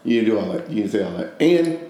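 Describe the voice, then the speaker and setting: A man's voice: fairly low pitch, sing-song, fast talker, dark tone. A man from Georgia with a Southern accent, teasing and arguing in casual banter with his partner. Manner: teasing, argumentative, laughs often. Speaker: comedian, podcast co-host. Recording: echoey room.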